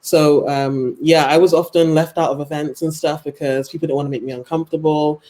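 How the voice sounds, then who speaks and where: A woman's voice: sits low, fairly even intonation, a little fast, mellow. Hesitant young woman author on a video call. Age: young adult. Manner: hesitant, many fillers like um and like. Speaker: guest author. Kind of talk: casual conversation on a video call.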